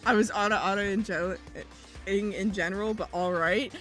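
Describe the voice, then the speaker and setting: A woman's voice: medium pitch, steady tone, moderate pace, fairly bright tone, faint music behind. A woman streaming a video game, chatting casually and swearing now and then. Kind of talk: casual gaming commentary.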